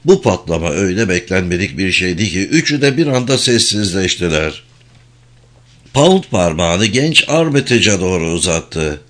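A man narrating an audiobook novel in a steady, clear reading voice. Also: low-pitched, normal speed. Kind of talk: scripted narration.

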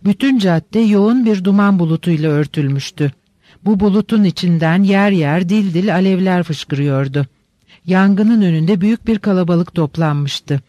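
A man reading a literary novel aloud in a measured, descriptive narration. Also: high-pitched, dark tone, no echo. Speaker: audiobook narrator.

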